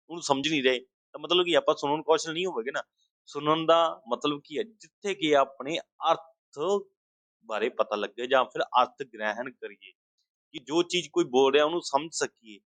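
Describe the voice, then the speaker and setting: A man's voice: a little high, fairly bright tone, no echo. Man teaching, dry close sound. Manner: explains with repeated everyday examples, often asking and answering his own questions. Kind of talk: exam-prep language lesson.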